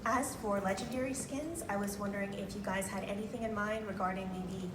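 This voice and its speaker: A woman's voice: mid-range voice, steady tone, brisk. A woman fan politely asking a question from the audience at a convention. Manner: polite, hesitant. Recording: distant voice in echoey hall with noise.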